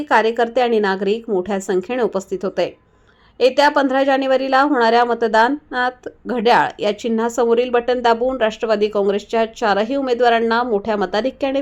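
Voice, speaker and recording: A woman news reporter reading a scripted voice-over in a steady, formal way. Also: on the high side. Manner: steady formal reading, quick through name lists.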